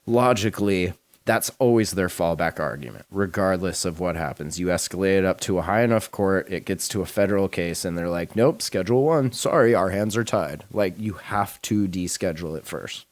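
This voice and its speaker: A man's voice: low voice, brisk, no room sound. A man hosting a podcast in casual chat, laid-back and rambling, swearing and laughing often. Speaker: podcast host.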